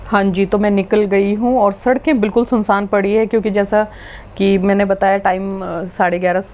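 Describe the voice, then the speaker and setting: A woman's voice: medium pitch, steady tone, moderate pace, muffled recording. A woman vlogging at home in casual chat, playful and teasing, switching between Hindi and English. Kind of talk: casual vlog chat to camera. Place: at home indoors.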